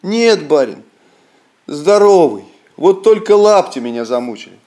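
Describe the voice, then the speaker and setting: Мужчина озвучивает крестьянина, то кричащего в панике, то измученного и кающегося. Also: male voice, fairly high pitch, very animated, measured pace. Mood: weary. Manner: shouting, breathless pleading. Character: peasant man Akim, greedy then exhausted and repentant.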